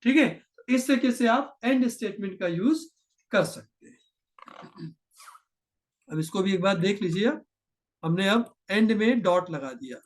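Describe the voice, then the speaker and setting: High-voiced man teaching coding. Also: animated. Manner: patient, step by step, slows to dictate code. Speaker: programming teacher. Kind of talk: screen-share coding tutorial.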